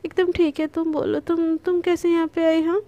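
A woman's voice: extremely high pitch, flat delivery, moderate pace, warm tone, no echo. Woman doing a stammering nervous young woman. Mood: flustered. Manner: stammering, repeating words.

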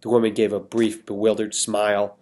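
A male teacher reading a novel aloud to his students, expressive and stopping now and then to explain words. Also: on the low side, normal speed.

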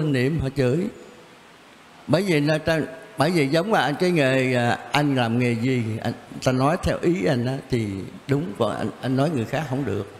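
A man's voice: medium pitch, darkish tone. An older man, a Zen teacher answering questions in a blunt, casual way, chuckling and repeating himself. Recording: reverberant room, faint background noise.

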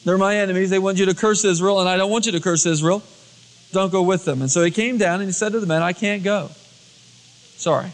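This fast-talking man, his voice sitting high, delivers a storytelling sermon as a pastor and plays out the dialogue in plain everyday speech. Long hall reverb fills the cassette tape transfer.

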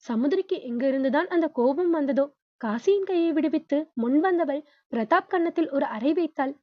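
A woman's voice: sits high, animated, normal speed, no room sound. A woman narrating a novel as an audiobook, reading steadily, on a dull lo-fi recording.

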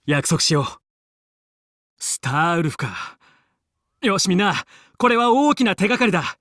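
Fox, a high-pitched heroic pilot. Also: male voice, fairly bright tone, dry recording, studio quality. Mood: calm, reassuring. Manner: commanding, earnest. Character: determined heroic fox space pilot, young male squad leader. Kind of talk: Japanese video game voice acting, battle callouts.

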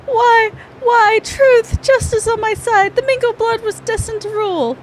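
A woman's voice: extremely high pitch, a little slow, a little hiss or hum, voice pushed up. A woman voicing an unhinged, pompous male villain from a fantasy video game, with grandiose, scornful declaiming. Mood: anguished, defiant. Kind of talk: reading game dialogue aloud.

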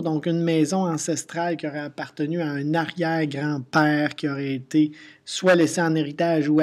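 A man's voice: a little high, darkish tone. A middle-aged man with a Quebec French accent, teaching a recorded class lesson, explaining patiently with repetition and casual asides. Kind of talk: recorded class lesson walking through slides.

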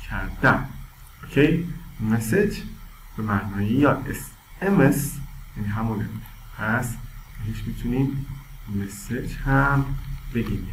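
A man teaching English vocabulary to schoolchildren, stressing and drawing out each word's pronunciation and checking in with frequent questions. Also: fairly low pitch. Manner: drawn-out, stressed word pronunciation with rising emphasis; repeats and quizzes with frequent "okay?". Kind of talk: vocabulary lesson for children. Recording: roomy with faint background noise.

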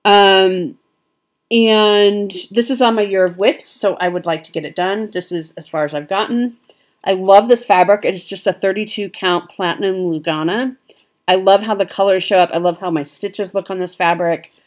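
A woman's voice: mid-range voice, moderate pace. A woman with a Midwestern American accent chatting casually as a cross-stitch vlogger, with frequent ums. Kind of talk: casual show-and-tell chat.

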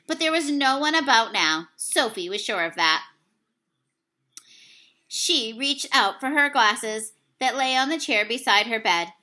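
A young woman teacher reads a children's book aloud into a webcam at desk distance, in a small home room with a plain wall behind her. Her fairly high voice swells and hushes to build suspense, and she pauses to apologize for slips and for losing her place.

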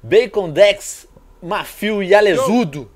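A man hosting a gaming video, chatting casually with friends and laughing often. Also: slow. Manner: excitable, laughs often, lively swings in pitch. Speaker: gaming channel host. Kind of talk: casual gameplay chat with friends.

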